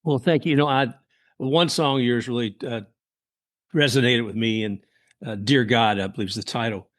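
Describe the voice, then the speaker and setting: A male podcast host guides the conversation with affirming remarks and easy laughter. His voice sits at a middling pitch and his delivery is relaxed and conversational. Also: moderate pace. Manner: affirming, laughs along often. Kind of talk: casual interview chat.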